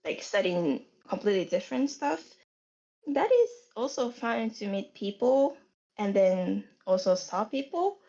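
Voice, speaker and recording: This young adult from Japan talks with a Japanese accent in an animated but measured, mellow mid-range voice. As a guest on a casual podcast, she hunts for her words, and the audio is dull and lo-fi.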